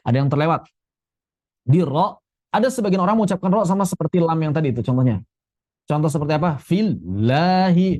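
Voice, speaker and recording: A man teaching tajwid, explaining quickly and then reciting example words slowly and carefully. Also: a little high, warm tone, no echo. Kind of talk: Quran recitation lesson.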